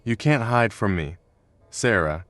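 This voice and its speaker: A man voicing a dead husband who has come back as a menacing ghost, speaking low and hushed. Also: animated, unhurried, no room sound.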